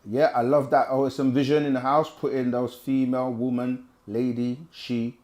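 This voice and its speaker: Speaking at normal speed in a level, darkish mid-range voice, a man runs a live question-and-answer stream. He reads the chat aloud, casually taking viewer questions and answering them at length, and he chats conversationally with frequent repetition.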